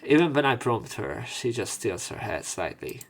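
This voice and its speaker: This let's play features a man of medium pitch whose voice is gravelly and sing-song, captured on a rough recording at a moderate pace. He voices the visual novel's text and dialogue while adding informal commentary that occasionally turns crude.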